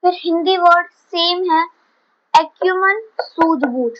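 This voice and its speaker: A woman's voice: very high-pitched, slow, lo-fi sound. A woman teacher giving a vocabulary lesson, patiently explaining each word and switching between Hindi and English.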